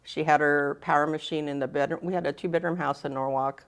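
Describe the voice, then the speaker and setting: Low-voiced chatty woman guest. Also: fairly even intonation, fast talker. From Philippines, raised in Southern California. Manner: chatty, laughs easily, trails off with "you know". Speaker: guest, fashion design instructor. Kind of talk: casual interview.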